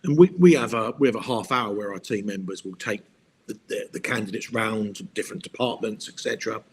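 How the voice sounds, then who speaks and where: A man with a lowish, slightly breathy voice answers interview questions as a guest over a video call. He talks fairly quickly, rambling and often repeating words while he thinks.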